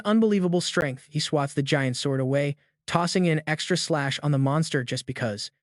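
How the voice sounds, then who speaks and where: A man's voice: fairly high pitch, no echo, studio quality. A man narrating a scripted story recap in a hyped, slangy way.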